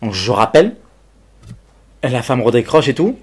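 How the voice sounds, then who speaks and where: Man telling a story, halting and casual. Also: mid-range voice, sing-song, husky. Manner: frequent hesitations and stammered repeats; colloquial, peppers phrases with "et tout". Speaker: storyteller recounting a personal ordeal. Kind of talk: casual spoken testimony.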